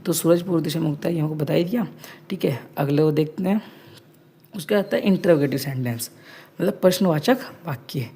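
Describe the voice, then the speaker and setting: Woman teacher for a kids' online class, husky and mellow, explains everything twice and reads examples slowly. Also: low-pitched. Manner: explains each point twice, saying "okay" again and again; talks to the class as children.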